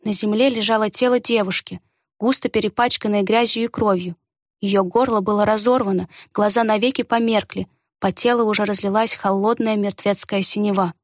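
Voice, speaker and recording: A woman's voice: medium pitch, steady tone, a little fast, dry recording, studio quality. Woman reading a fantasy story aloud. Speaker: audiobook narrator. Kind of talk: scripted narration.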